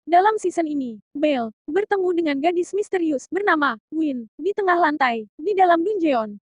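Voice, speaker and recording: A woman's voice: sits high, animated, moderate pace, no echo, muffled recording. A woman hosting an anime recommendation list, reading scripted narration to fellow fans. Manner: addresses fans as an anime presenter.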